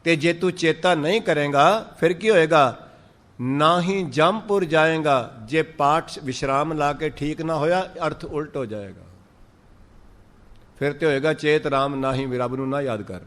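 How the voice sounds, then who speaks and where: A man with a Punjabi accent giving a sermon, drawing out verses slowly and then explaining them in lively speech. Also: on the high side, in a large hall. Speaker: Sikh preacher. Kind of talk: sermon on scripture.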